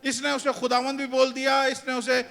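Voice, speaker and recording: A man's voice: very high-pitched, monotone, normal speed, a bit bright. A male pastor preaching a sermon to his congregation, asking it questions and driving his points home. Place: church hall. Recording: church hall reverb with music behind.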